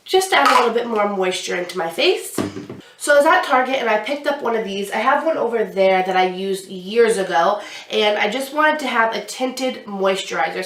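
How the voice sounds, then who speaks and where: Slightly high and a bit bright, the voice belongs to a young beauty vlogger with a cold, chattily explaining each step as she applies makeup. She films in a small indoor room with a glittery backdrop, and the roomy recording puts her somewhat far from the mic.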